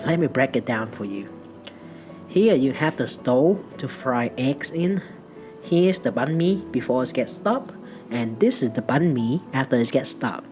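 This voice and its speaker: A healthcare worker from Perth, Australia, whose native language is Vietnamese, tells a funny personal story with playful self-mockery. The voice is at a medium pitch.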